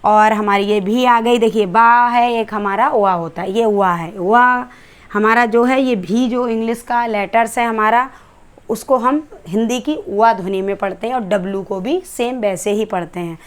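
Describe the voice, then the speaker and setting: Woman with an Indian accent, teacher type, slightly high voice, patient step-by-step explainer who leans on rhetorical questions. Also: unhurried, clean tone. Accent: Indian English. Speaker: English teacher. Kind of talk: classroom lesson.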